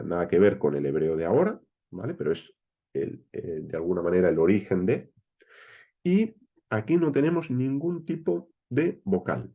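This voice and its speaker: A man from teaching a Bible class, explaining step by step, with frequent "eh" pauses, often checking in with "¿vale?" and "¿bien?". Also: fairly low pitch, dark tone, muffled recording. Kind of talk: expository Bible class lecture.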